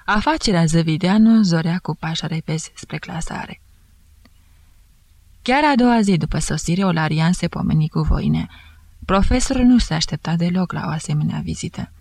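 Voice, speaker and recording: A woman narrating a novel in a measured, steady storytelling voice. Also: lowish voice, gravelly, dry recording. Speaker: audiobook reader. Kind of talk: scripted narration.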